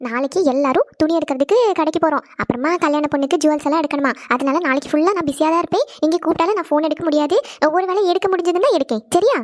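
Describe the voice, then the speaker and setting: A woman voicing a chatty young wife in a cartoon, scolding a little and talking fast. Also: high-pitched, no echo, clean studio sound, lightly acted. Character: young wife missing her husband. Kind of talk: animated cartoon voice acting.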